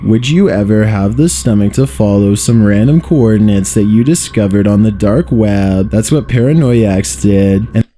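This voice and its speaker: A man narrating a paranormal countdown video, reading a script at a measured pace and posing spooky questions. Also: on the low side, warm tone, a little hiss or hum.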